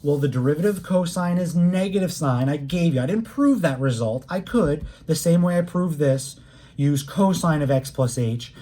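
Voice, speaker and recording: A math instructor delivering a recorded calculus lecture in a mellow, warm voice. The teacher talks plainly and directly to students, explaining each step with patience and leaning on key words to make them stick. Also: medium pitch. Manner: plain conversational teaching, speaks straight to students.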